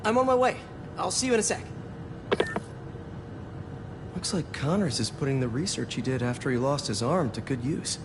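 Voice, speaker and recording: A man's voice: mid-range voice, sing-song, fast talker, heavy background noise. An actor playing an earnest, curious young man in a video game, friendly and conversational as he thinks aloud. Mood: upbeat. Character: earnest, curious young male hero and science whiz.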